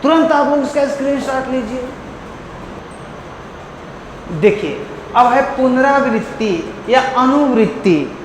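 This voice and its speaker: A man teaching a Hindi grammar lesson in a playful, joking way, warmly calling his listeners friends and drawing out words to demonstrate them. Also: very high voice, expressive, takes it slowly, pauses often. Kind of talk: online classroom lesson. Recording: echoey room with long reverb and faint noise.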